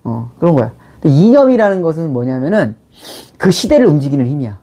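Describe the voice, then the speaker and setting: With a very animated, warm, high-side voice at a quick pace, this middle-aged man lectures casually in blunt, informal speech. As a channel host and life and money mentor, he fires rhetorical questions at his listener and acts out little quoted exchanges mid-talk.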